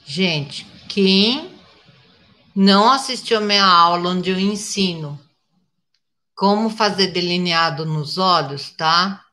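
Slow-talking mature woman teaching makeup. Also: fairly low pitch, sharp tone. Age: older. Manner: chatty, constantly checking in with viewers. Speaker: makeup instructor. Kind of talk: live makeup tutorial. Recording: echoey room.

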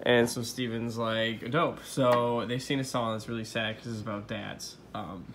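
A man's voice: medium pitch, level tone, moderate pace, a bit bright, a little hiss or hum. A young man casually recapping a show episode in a rambling, profane way, full of ums and uhs.

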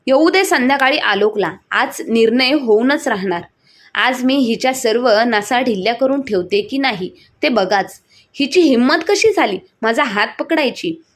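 A woman voicing an angry, domineering older mother-in-law who scolds in a shrill, bossy way. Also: lively intonation, moderate pace, lightly acted. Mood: wailing, indignant.

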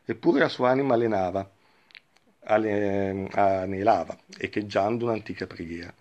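A man giving a reflective spiritual talk and reading a parable aloud, speaking slowly and thoughtfully with frequent pauses. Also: lowish voice, highs cut off. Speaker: spiritual teacher.

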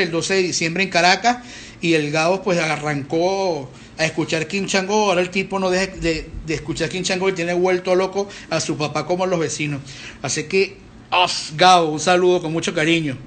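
Male host, middle-aged, high pitch, loose and chatty, slight noise floor. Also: fairly even intonation, fairly quick, a bit bright. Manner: rambling, chatty, with restarts and fillers. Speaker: band frontman hosting a live stream. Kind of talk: casual live-stream chat.

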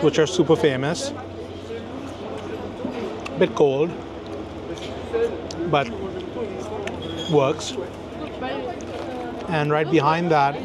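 A man in his thirties from India, casually reviewing sandwiches to camera on an outdoor café terrace, tasting and reacting aloud as he goes. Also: a little high. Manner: chatty, relaxed, tastes and reacts aloud. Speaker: food vlogger. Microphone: camera-mounted shotgun mic.

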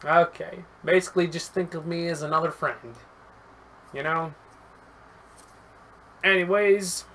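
Slow-talking excitable gaming host, bright tone. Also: medium pitch, a little hiss or hum. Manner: excitable, yells and swears at the game; friendly, rambling outro to viewers. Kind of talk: casual let's-play commentary.

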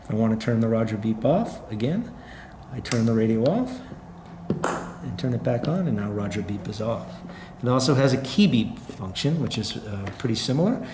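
Speaking at medium pitch and normal speed with an animated manner, a middle-aged company representative walks through a product demonstration step by step. He's unscripted and plain-spoken, seated at a tabletop indoors, with roomy echo and faint background noise.

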